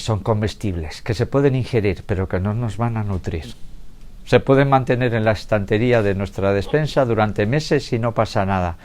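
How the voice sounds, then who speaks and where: Low-voiced man giving a relaxed talk. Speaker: doctor giving a public lecture. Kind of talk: health lecture to a live audience. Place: health centre lecture room.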